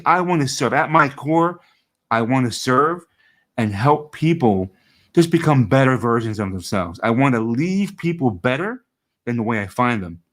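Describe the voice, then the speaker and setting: Over a video call, a middle-aged man coaches with an earnest motivational talk, his low voice carrying a fairly bright tone. He often restarts and says words twice.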